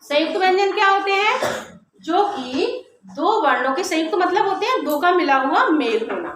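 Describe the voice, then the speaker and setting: A woman teacher giving a classroom grammar lesson, explaining step by step and slowly sounding out letters to demonstrate. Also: very high voice, expressive, a bit bright. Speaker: Hindi teacher. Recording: very echoey classroom with faint noise.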